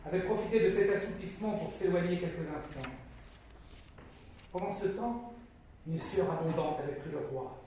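A man narrating a classic novel in a dramatic, measured way. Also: high-pitched, a little mellow, slight background noise. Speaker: reader. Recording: very echoey, distant mic.

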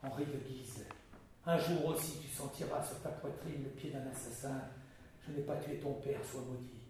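A man's voice: steady tone, normal speed, slight background noise, close to an everyday voice. A man doing a dying old admiral's curse. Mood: cursing. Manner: low, hushed, sepulchral. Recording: echoey, distant room.

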